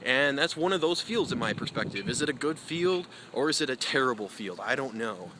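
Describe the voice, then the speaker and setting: A young man talks outdoors, meandering from thought to thought with lots of fillers and self-deprecating asides. His voice sits at an ordinary middle pitch. Loud wind roars over the mic the whole time. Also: very animated, a little fast. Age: young adult. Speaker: vlogger. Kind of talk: rambling outdoor vlog. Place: outdoors in strong cold wind. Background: heavy wind noise.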